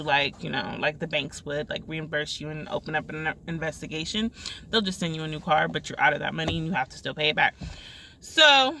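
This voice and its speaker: Bright-voiced woman retelling a story. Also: sits low, slight background noise. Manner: animated retelling, acts out quoted lines. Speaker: vlogger. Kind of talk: casual storytelling vlog.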